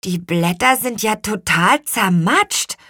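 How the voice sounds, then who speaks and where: A woman voicing a lively young boy who exclaims eagerly in a storybook. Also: fairly high pitch, slow, dry recording, studio quality, pitched above the performer's own voice, exaggerated voice. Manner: excited exclaiming.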